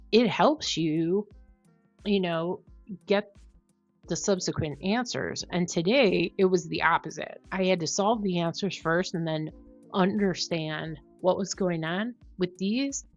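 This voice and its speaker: A woman with a fairly low voice thinks out loud at a slow, unhurried pace. She muses and questions herself in casual, explanatory commentary. The recording is a little dull and lo-fi. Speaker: host of a crossword solving video.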